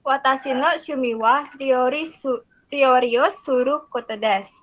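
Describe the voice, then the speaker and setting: Woman student reading lines slow, high voice, dull muffled audio. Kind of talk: reading dialogue aloud in class.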